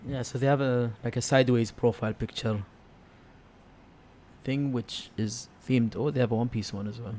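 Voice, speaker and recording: A man's voice: medium pitch, fairly even intonation, normal speed, a little mellow. A man hosting a casual live stream, thinking aloud in a hesitant, unscripted way. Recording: clear background noise.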